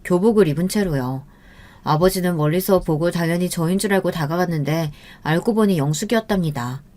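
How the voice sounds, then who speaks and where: A woman in her fifties giving steady, plain scripted story narration in the first person. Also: lowish voice, a little fast.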